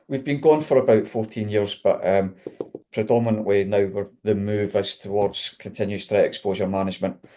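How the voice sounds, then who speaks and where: Low-pitched man, broad Scottish accent. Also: warm tone. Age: middle-aged. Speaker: guest, chief technology officer. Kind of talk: informal career introduction in a webinar.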